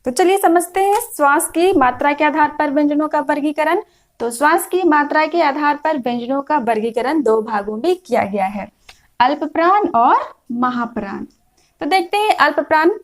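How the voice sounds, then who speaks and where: A woman teaching a grammar lesson, explaining slowly and repeating each point, often checking whether her students follow. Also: high voice, poor audio. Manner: patient, repeats points, checks in with frequent "is that clear". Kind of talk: classroom lecture explaining a chart.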